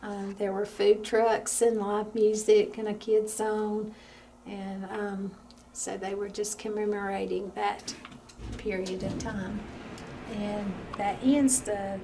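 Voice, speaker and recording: A woman giving an informal museum tour as a guide, speaking calmly and a little hesitantly. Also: mid-range voice, takes it slowly. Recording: steady background noise, room ambience.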